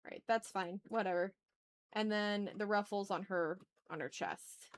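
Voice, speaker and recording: This woman's mid-range voice stays steady and unhurried as she hosts a live art stream. She mutters to herself while drawing, chatting casually with repeated short phrases and the odd mild exclamation.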